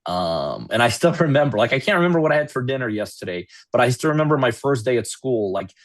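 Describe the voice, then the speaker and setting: A man's voice: medium pitch, big pitch swings, quick pace, dry recording. A man from Russia with no accent, hosting a webinar over a video call in a rambling, self-deprecating way. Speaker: webinar host. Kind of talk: casual webinar chat.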